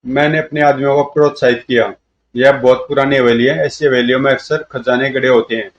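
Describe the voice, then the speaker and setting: A brutal bandit chief who gloats over his schemes and snarls threats, as a male narrator puts him on. The audio is dull and lo-fi, with a voice of middling pitch. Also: steady tone, brisk, lightly acted. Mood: recounting.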